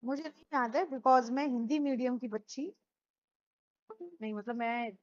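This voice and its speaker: A woman with a high voice, Hindi her first language, gives a classroom lecture and keeps checking with her students through repeated questions. She mixes Hindi and English freely. The recording sounds muffled and dull. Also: measured pace. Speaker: teacher.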